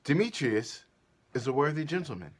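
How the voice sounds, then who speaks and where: In a stately, declamatory Shakespearean stage reading, a man plays a grand, commanding duke who is measured and solemn, with a grave mood throughout. His mid-range voice has a sing-song quality and a breathy edge, delivered at a moderate pace.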